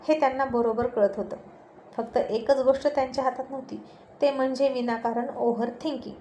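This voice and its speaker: A woman storyteller reading a serialized romance story aloud with expressive, steady narration. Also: a little high. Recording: echoey room, faint noise.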